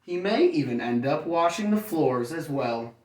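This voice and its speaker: A man reads a children's picture book aloud like a kindergarten teacher, breaking off now and then for playful, folksy, chatty asides. His voice is a little high and expressive at a moderate pace, recorded with roomy echo from a distant microphone.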